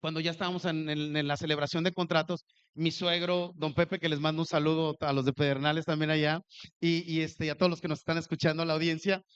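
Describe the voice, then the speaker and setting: A man preaching a sermon, telling a personal story with animated delivery and acting out the dialogue. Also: a little high, quick pace, smooth, highs cut off.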